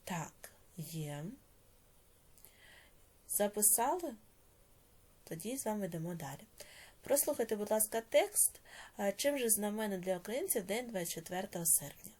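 A woman teaching a primary school language lesson, dictating words slowly and then explaining quickly, often dropping to a whisper at phrase ends. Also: medium pitch, lively intonation, darkish tone. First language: Ukrainian.

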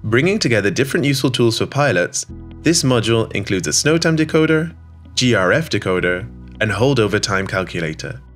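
A man with a slightly low voice narrates a scripted promo in an even, polished studio read. Soft music plays quietly behind him. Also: a little fast. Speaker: voice-over narrator. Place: studio voice-over. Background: soft background music.

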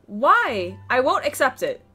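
A woman's voice: sits high, very animated, slow pace, bright, forceful tone, slightly rough. A woman doing a casual let's play, reading visual novel narration dramatically with a giggly, self-commenting manner. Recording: background game music.

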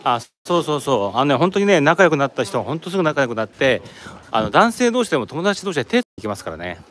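A man's voice: fairly high pitch, sing-song, fast, fairly bright tone, a little hiss or hum. A man from Japan chatting casually on a live stream while walking around an outdoor tourist site, rambling and answering viewer comments. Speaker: live streamer, office worker in Korea.

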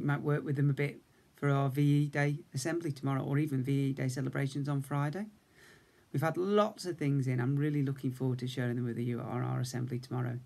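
In a room at home, a man in his fifties with an English accent reads a story aloud for young children, as an infant school teacher. His pitch is medium and his tone darkish, with some vocal fry.

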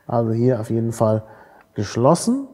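A man lectures in a large hall, and his voice carries a long reverb. He sounds dark and slightly husky as he explains each point patiently, with tag questions and fillers along the way. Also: mid-range voice, big pitch swings, normal speed. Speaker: university lecturer. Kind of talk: university lecture.

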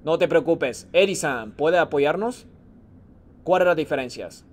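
A man leads a Japanese class with a patient, encouraging manner. His voice sits a little high. He calls on students one by one and mixes Japanese phrases into his explanations. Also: expressive, measured pace. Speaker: Japanese teacher. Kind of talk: online class lesson.

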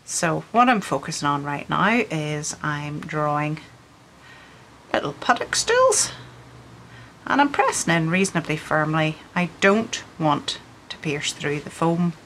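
In a room lined with storage shelves, an artist from Scotland, speaking Northern Irish with faint Scottish traces, patiently takes viewers step by step through a craft tutorial. The middle-aged woman's low voice is sing-song, fairly bright and a little slow, with slight background noise.

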